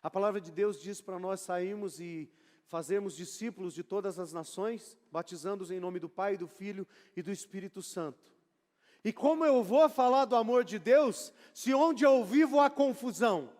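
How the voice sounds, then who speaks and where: High-pitched pastor man, 40s, sermon with chatty asides, long echo from the church hall. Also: normal speed, darkish tone. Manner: reads scripture then explains it in casual conversational asides. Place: church sanctuary.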